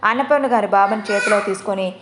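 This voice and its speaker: A woman telling a long family story in a steady, measured storybook narration. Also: medium pitch, background noise.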